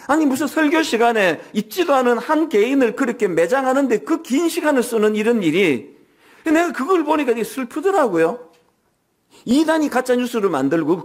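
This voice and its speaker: A man in his sixties, the senior pastor, preaching a Sunday sermon in a church, telling personal stories with humor and asking the congregation frequent rhetorical questions. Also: high voice. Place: church sanctuary.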